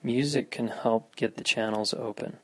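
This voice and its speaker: A man giving guided meditation instruction as a teacher, speaking in short, unhurried phrases with an earnest spiritual-healer manner. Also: mid-range voice, fairly even intonation, a little mellow, dry recording.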